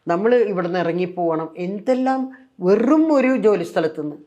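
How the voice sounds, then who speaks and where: The interviewee is an older former nun from Kerala, India, with a Malayalam accent and a mid-range voice at moderate speed. Telling her story in a chatty way, she gets animated, performs others' remarks, and fills her speech with hesitation words.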